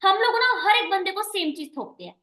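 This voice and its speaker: Brief: female team manager leading a training call; bright, forceful delivery, roomy sound. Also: very high-pitched, animated, a little fast. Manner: coaching, repeats "ठीक है" and "है ना" often; addresses listeners as dear and guys. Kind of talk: recorded training meeting. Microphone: online meeting recording.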